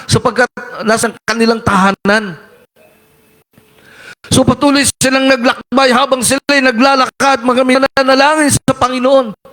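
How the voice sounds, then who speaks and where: A man preaching in a very high voice, well above the usual male range. He tells the story dramatically, keeps calling his listeners beloved, and builds to shouts at the climaxes. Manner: dramatic, keeps addressing the congregation as beloved, climbs to shouts at peaks. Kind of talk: storytelling sermon.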